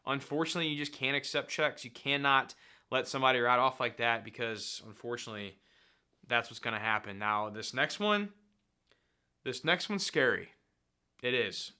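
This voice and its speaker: A man's voice: mid-range voice, bright, forceful tone, smooth. A man in his thirties giving blunt, casual commentary on clips, laughing often. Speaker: finance YouTuber reacting to clips. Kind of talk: casual commentary and sponsor read.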